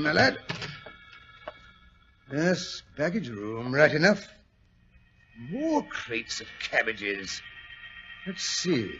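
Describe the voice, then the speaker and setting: An actor playing Doctor Watson as a genial, excitable English gentleman in 1940s radio style, blustering and muttering to himself with a British accent. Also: fairly high pitch, exaggerated voice. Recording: muffled, noisy old radio recording.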